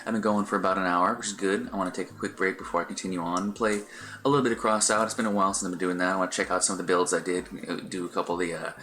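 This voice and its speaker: A man's voice: low voice, steady tone, very fast, fairly bright tone. A middle-aged man chatting casually on a live stream, rambling with many fillers and restarts. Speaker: Twitch streamer.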